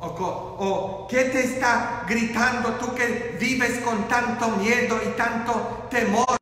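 Priest, man, high bright voice, slow impassioned sermon full of rhetorical questions; very roomy church reverb. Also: steady tone, slight background noise. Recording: echoey church with long reverb.

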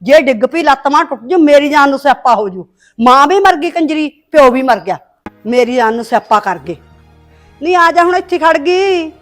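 With soft music in the background, a woman with a high-pitched, expressive voice speaks at a normal pace. She plays a harsh, nagging middle-aged stepmother in a village short film, scolding sharply in Punjabi with a Punjabi accent.

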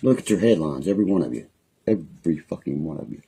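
Against a noisy background, a young man with a low-sitting voice and a West Virginian accent talks fast and animatedly on his phone live stream. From a small room at home, he rambles in anger, makes threats and swears constantly.

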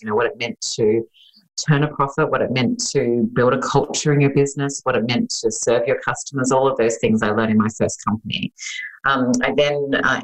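Over poor audio, a deep bass female voice comes through: she's an Australian entrepreneur and author in her forties, the guest on a video-call interview. Seated in a home room by plant wallpaper with a podcast mic in front, she chats through her story, full of "um"s and "you know"s.

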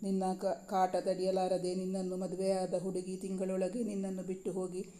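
A woman voicing a blunt, scolding young woman in a spoken story, warning in a flat, dark-toned voice. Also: lowish voice, moderate pace, roomy sound, natural voice.

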